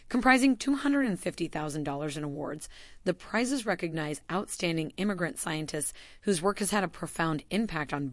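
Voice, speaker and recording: A woman narrating a scripted announcement as a voice-over, in a measured, formal delivery that slows down to stress names. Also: deep voice, no room sound, studio quality.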